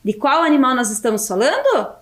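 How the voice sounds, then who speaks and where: Lively high-voiced woman teaching children. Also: roomy sound. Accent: Brazilian Portuguese. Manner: slow, stretched syllables when spelling out words. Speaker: primary school teacher. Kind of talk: video lesson for children.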